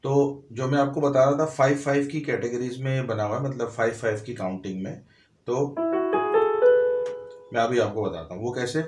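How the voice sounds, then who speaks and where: A man teaches a piano lesson, talking through each note and chord step by step. His voice sits in the middle range and rings in an echoey room, with soft piano in the background. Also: mid-range voice, moderate pace. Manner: explains step by step, counting notes aloud. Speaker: music teacher. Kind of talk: piano tutorial.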